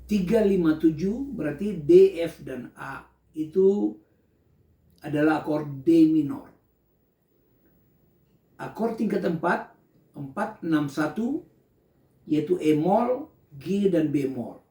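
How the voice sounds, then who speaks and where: A male music teacher talks slowly and patiently through a recorded lesson, pausing often to check in with his students. His voice sits a little high for a man but sounds soft and mellow. He is heard from some distance in an echoey room. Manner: patient, explaining step by step with frequent "ya" check-ins. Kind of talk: recorded home-learning lesson. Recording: roomy echo, voice far from the mic.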